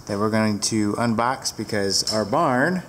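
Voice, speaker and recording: A woman's voice: extremely low pitch, lively intonation, a little slow. A woman giving a casual, rambling product review with fillers, filmed on a handheld camera inside a large barn with the door open to the wind.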